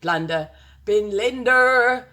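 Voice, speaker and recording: Bright and pushed, her fairly high voice draws out words while she gives a chatty makeup tutorial to camera. She's a South African woman speaking close to her phone, rambling playfully with lots of exclamations and sound words.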